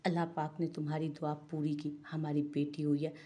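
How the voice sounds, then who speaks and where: A woman voicing a dying young wife who speaks softly and haltingly, pleading with her husband. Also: low-pitched, level tone, a little hiss or hum, lightly acted. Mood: tender, pleading. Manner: soft, halting, breathless pleading.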